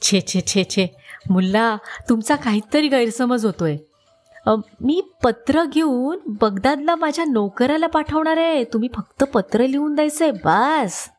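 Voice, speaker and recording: A woman's voice: expressive, a little slow, soft background music. A woman doing an exasperated pushy man. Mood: pleading exasperated. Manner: pleading, exasperated, raised pitch.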